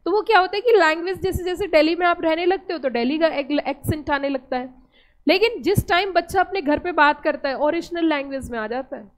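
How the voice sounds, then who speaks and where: A woman's voice: very high-pitched, a little fast. A young woman with an Indian accent giving a classroom lecture, explaining step by step and putting questions to her students. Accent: Indian English. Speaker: teacher.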